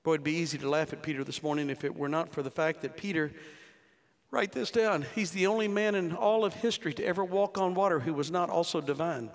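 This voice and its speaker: A man's voice: on the high side, fairly even intonation, fast talker. A man in his sixties, a pastor preaching a conversational sermon with rhetorical questions to his congregation in a church. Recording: long hall reverb.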